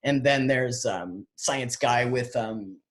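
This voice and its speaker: A man, a guest artist, answering audience questions in a halting, rambling way full of fillers and restarts, heard over a video call. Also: mid-range voice. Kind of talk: casual conversation, answering questions.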